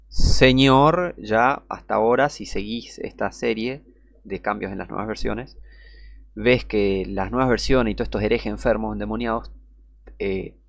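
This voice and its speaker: A man's voice: fairly low pitch, gravelly, dry recording. Indignant man preaching. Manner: indignant, repetitive, scornful. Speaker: Bible teacher. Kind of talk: heated online Bible teaching.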